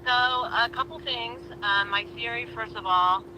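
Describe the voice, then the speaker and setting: Woman caller heard through a speakerphone, casual and hesitant, with clear noise on the line. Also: a little high, a little slow, sharp tone. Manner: hesitant, restarts and fillers. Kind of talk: casual call-in chat. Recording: noisy speakerphone call.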